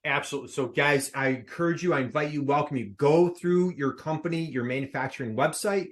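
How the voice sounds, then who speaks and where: A man's voice: on the high side, fairly quick. A man hosting a live online workshop, upbeat and playful, quizzing his audience over a video call. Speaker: workshop host.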